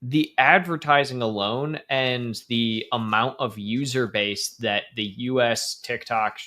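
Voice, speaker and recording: A man's voice: mid-range voice, steady tone, takes it slowly, sharp tone. A man co-hosting a live show, chatting casually with many fillers and stammered restarts. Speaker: co-host. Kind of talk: casual live-stream chat.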